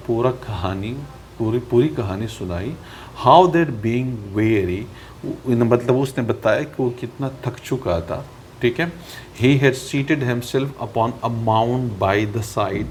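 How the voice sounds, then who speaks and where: A man with a Pakistani accent teaching a children's reading lesson. He reads each English line slowly, then explains it at length. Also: medium pitch, gravelly, a little hiss or hum. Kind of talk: reading a story aloud and explaining it in Urdu.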